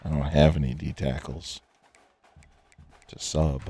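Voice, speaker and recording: A middle-aged gaming channel host, his voice going hoarse, gives casual commentary on a football video game in a rumbling low voice. He talks at a measured pace with a breathy edge, relaxed and rambling and full of fillers, while faint music plays in the background.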